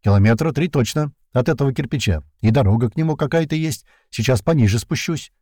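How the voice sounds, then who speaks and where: A man reading an audiobook, voicing an excitable male scout pilot who shouts coarsely over the radio. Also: medium pitch, fast talker, no echo, clean studio sound, voice pushed up, natural voice. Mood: excited. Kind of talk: audiobook character voice.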